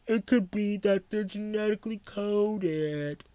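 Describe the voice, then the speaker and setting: A streamer doing a mocking impression of a dim, evasive man who stammers out slow, lame excuses. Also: medium pitch, warm tone, smooth, no echo, lo-fi sound, pitched above the performer's own voice, close to an everyday voice. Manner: slow, halting, mocking delivery.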